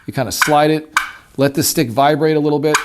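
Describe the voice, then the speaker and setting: In a casual hands-on lesson, a man demonstrates a turkey call at a wooden table, talking like a friendly, informal hunting instructor. His pitch is fairly high, his intonation fairly even, and he speaks fairly quickly, with call clicks and clear background noise audible.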